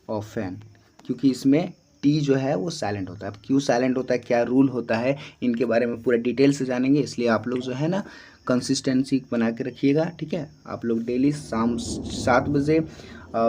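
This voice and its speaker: A man's voice: medium pitch, moderate pace, warm tone. Young guy with teaching english basics, patient, keeps repeating stuff and asking then answering. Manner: patient, repeats points, asks and answers himself. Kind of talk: spoken English lesson.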